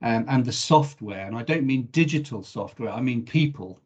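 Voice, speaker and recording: Guy leading a webinar, calm reflective talk, middle pitch, muffled lo-fi call sound. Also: normal speed, husky. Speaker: chief executive of the host institute. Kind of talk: webinar closing remarks. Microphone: video call.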